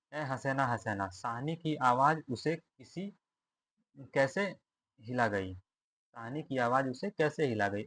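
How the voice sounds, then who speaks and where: A man's voice: medium pitch, dry recording. A man teaching Hindi literature for an exam, reading a story aloud, then asking questions about it and answering them himself. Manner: asks questions and answers them, repeats lines.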